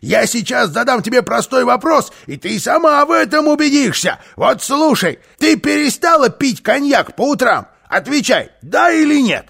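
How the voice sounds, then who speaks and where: A man's voice: extremely high pitch, very animated, slow pace, gravelly, breathy edge, pitched above the performer's own voice, full character voice. A man voicing a cocky, mischievous little man who teases with smug triumph.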